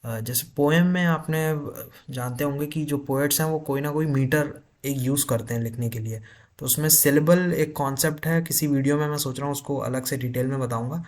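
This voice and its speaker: Guy teaching lit for an exam, explains in hindi, reads slow. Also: on the high side, darkish tone. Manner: explains in Hindi with English terms, reads English notes slowly. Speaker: English literature teacher. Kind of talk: exam-prep lecture.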